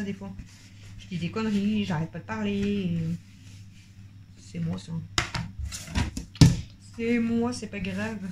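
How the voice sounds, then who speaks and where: Excitable woman vlogger, chatty, mid-range voice, light room noise. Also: mid-range voice. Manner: rambling and talkative, jumps between topics; excitable, voice jumps up when worked up. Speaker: family vlogger. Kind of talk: casual chatty vlog to subscribers.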